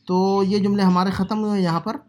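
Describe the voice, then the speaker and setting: A man from South Asia teaching Arabic phrases, explaining in a conversational lesson and repeating words slowly to drill pronunciation. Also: high-pitched, level tone, a little mellow. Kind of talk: language lesson, Urdu explanation.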